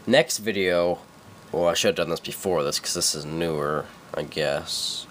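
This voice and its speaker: Sitting at a computer in a dim room, this tutorial maker, a young man with a stuffy cold, talks casually through a screen recording, wandering off track, fixing his own mistakes, and filling gaps with ums. His deep, slightly bright voice moves unhurriedly over a little background noise.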